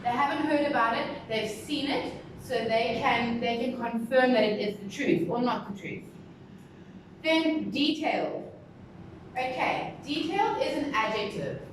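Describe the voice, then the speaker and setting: A woman teacher giving a recorded lesson to young pupils, speaking slowly and stressing syllables as she teaches new words. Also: a little high, distant mic. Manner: slow, deliberate, stressing syllables. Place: classroom with a board. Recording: very echoey room, voice from the mic, clear background noise.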